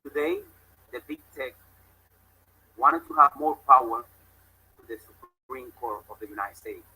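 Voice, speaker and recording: A man's voice: mid-range voice, measured pace, sharp tone, husky, low-quality recording. A man from Cuba, giving an emphatic, grateful public speech. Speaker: speaker at a public event.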